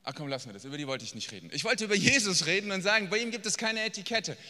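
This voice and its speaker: A man preaching a sermon, blunt and emphatic, swinging from quiet asides to near-shouting. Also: sits high, lively intonation, rapid-fire. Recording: long reverb of a large hall.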